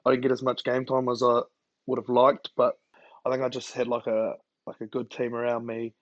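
A man's voice: mid-range voice, monotone, brisk, no echo, highs cut off. A young man with a broad New Zealand accent chatting casually as an interview guest, laid-back and slangy. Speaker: rugby player guest.

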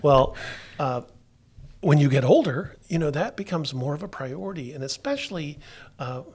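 This Florida podcast host has a fairly high, animated voice that's a little mellow and slightly rough. He chats easily and unhurriedly in a casual talk-show style, with frequent "uh"s, fillers, and restarts.

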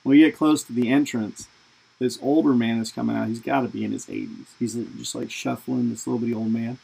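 A man's voice: medium pitch, fairly even intonation, quick pace, vocal fry, warm tone, slightly rough, poor audio. A man hosting a podcast, telling a funny personal story in a casual, rambling way. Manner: casual, rambling, lots of fillers. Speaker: podcast host. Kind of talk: storytelling monologue.

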